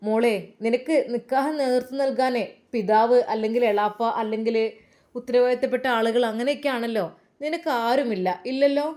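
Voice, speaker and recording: A woman's voice: fairly high pitch, fairly even intonation, a little fast, natural voice. Woman doing a kindly motherly older woman. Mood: coaxing. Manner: warm coaxing, repeats endearments.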